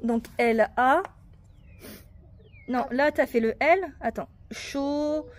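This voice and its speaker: A woman guiding a child through a garden treasure hunt, patient and encouraging, spelling words out slowly letter by letter. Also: high-pitched. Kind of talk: casual family video chat. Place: outdoors in a garden.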